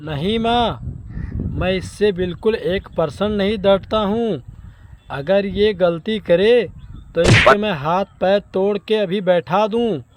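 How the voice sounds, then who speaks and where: A man's voice: high voice, slow pace. A man playing a young husband caught between his mother and his wife in a comedy skit, with a noisy background. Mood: earnest. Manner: earnest, reproachful then pleading.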